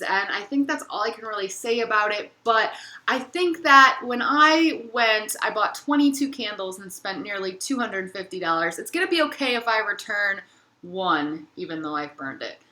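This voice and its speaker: Bright-voiced chatty woman in an echoey room. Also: medium pitch. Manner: chatty, searching for words with many fillers. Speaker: candle reviewer. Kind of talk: casual product review vlog.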